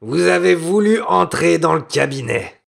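A cruel, murderous nobleman, as a male reader puts him on, menaces in a slow, gravelly rasp. His tone is bright and cutting, swinging widely in pitch. A storybook villain through and through. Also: expressive, exaggerated voice. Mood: cold menace. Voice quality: gravelly, raspy. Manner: menacing, bellowing threats. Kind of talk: storybook reading.

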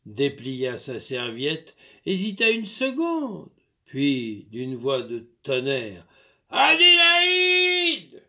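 A man narrating a literary story in a measured, expressive reading. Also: medium pitch.

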